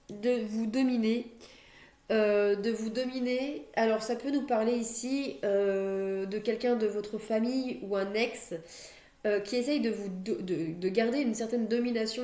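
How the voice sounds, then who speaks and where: A young woman with a cold gives a monthly astrology card reading as a chatty tarot reader at home near a stairwell, her voice a little high with a dark tone. She talks in a chatty way, full of fillers and restarts, and coughs now and then. The audio has an echoey computer-mic sound.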